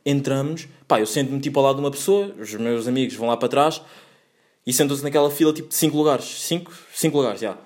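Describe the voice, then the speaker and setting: A man's voice: mid-range voice, quick pace, a little mellow. A young man with a European Portuguese accent telling a casual storytime, rambling, slang-heavy and full of self-corrections and fillers. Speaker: vlogger.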